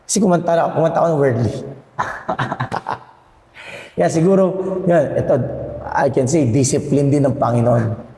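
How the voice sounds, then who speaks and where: A hoarse man sharing candidly at a church fellowship, self-deprecating and laughing often. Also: mid-range voice, unhurried, pauses often, warm tone. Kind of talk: casual faith chat. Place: church hall. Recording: echoey hall with long reverb.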